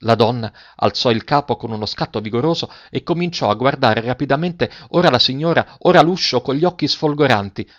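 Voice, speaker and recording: A man narrating a story in a measured, dramatic reading style. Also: medium pitch, animated, a bit bright, no echo, dull audio.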